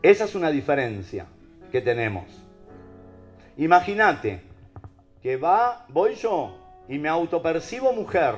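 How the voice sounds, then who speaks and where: A man with a Rioplatense accent preaches to listeners, peppering his talk with rhetorical questions. His voice sits a little high and leaps up and down with emphasis. Soft music plays faintly underneath. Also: measured pace, long pauses. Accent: Rioplatense Spanish. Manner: animated, rhetorical questions to the audience.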